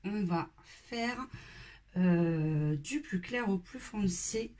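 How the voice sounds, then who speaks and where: A woman hosting a step-by-step coloring tutorial, talking in a casual, relaxed way with fillers and dropping at times to a whisper. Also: on the low side, extremely slow.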